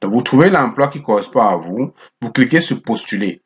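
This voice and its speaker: A man's voice: mid-range voice, lively intonation, a little fast, slightly rough. A man walking viewers through a job application site in a chatty screen-share tutorial, often repeating himself and checking in with them. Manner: chatty, repeats words, calls viewers friends; checks in with frequent "ok?". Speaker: immigration advice YouTuber.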